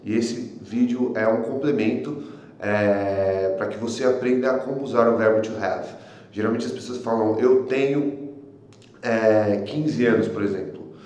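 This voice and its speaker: A man with a Brazilian Portuguese accent teaching an online language lesson, often pausing on filler sounds and checking in with tag questions. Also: on the low side, a little mellow, very echoey. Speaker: English teacher.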